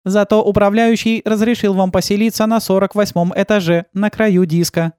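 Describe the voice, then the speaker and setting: A courteous female robot guide with even, helpful speech, as a reader puts her on. The voice is raised well above the reader's own. The recording is close and dry. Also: medium pitch, moderate pace, smooth, no echo, pitched above the performer's own voice, lightly acted. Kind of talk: audiobook role-play.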